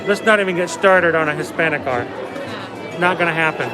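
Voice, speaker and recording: A man chatting casually on a livestream who says w for r and tells stories in an animated way, acting out quotes. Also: a little high, fairly quick. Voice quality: speech impediment on R sounds, says w for r. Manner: animated storytelling with acted-out quotes. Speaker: livestream host. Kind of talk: casual livestream chat at a theme park. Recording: background music and crowd noise in public space. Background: theme park music and crowd chatter.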